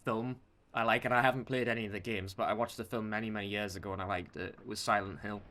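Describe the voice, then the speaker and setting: A podcast co-host with a lowish, steady voice talks fast, his tone pushed and bright, in casual chat about films and games. He gives emphatic opinions and repeats himself to drive points home.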